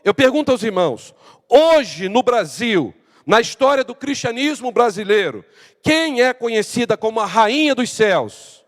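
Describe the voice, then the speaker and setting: A man with a Brazilian Portuguese accent preaching a Bible-study sermon as pastor, reading scripture slowly and asking rhetorical questions. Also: extremely high pitch, sing-song, long reverb tail.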